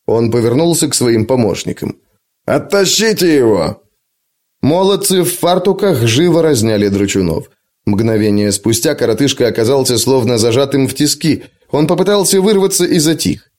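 Dude reading an audiobook, lively pitch swings, dramatic. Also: male voice, a little fast. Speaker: audiobook narrator. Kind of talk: scripted narration.

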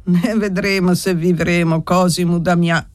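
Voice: medium pitch, flat delivery, measured pace, loud music behind the voice, lightly acted. A reader voicing don Simone, a wry, smiling old nobleman who is easily irritated, in an audiobook reading.

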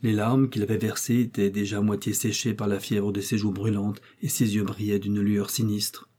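Husky male audiobook narrator. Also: lowish voice, little pitch movement, moderate pace, mellow. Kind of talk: scripted narration.

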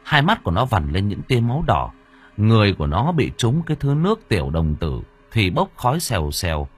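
A man narrates a story in a low, husky voice. His delivery rises and falls with lively, dramatic swings. Soft music runs faintly underneath. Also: fairly quick. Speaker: audiobook narrator.

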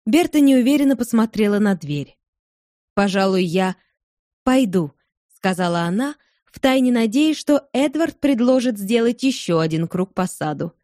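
A woman narrating a romantic novel as an audiobook, in an expressive, even reading. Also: fairly high pitch, normal speed, no echo, studio quality. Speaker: audiobook reader.

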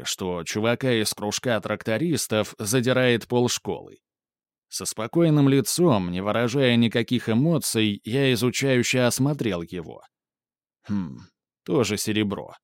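Calm man narrating a story. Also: fairly low pitch, dry recording, studio quality. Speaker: audiobook narrator. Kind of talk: first-person scripted narration of a novel.

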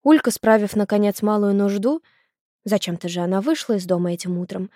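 Expressive woman audiobook narrator, mid pitch, dry close sound. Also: brisk, dry recording.

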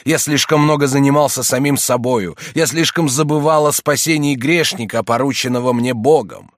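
A man's voice: moderate pace, no room sound, clean studio sound, natural voice. A man voicing a frightened, remorseful monk in a storybook reading. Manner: low, broken and pleading. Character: frightened guilt-ridden male monk, pleading.

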